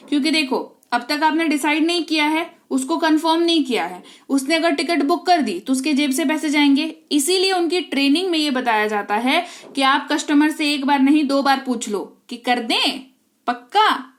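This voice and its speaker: Woman teacher, high-pitched, explains sample dialogues in Hindi and reads the English lines slowly and deliberately. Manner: slow, deliberate reading of English example lines; frequent check-ins with the class.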